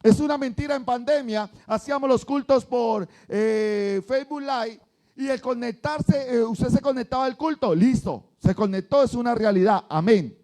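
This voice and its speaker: High-voiced pastor preaching animatedly. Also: male voice, moderate pace, darkish tone. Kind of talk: sermon. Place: church.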